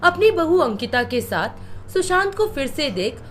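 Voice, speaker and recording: A woman narrating a moral story in an expressive storytelling manner. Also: high-pitched, measured pace, faint music behind.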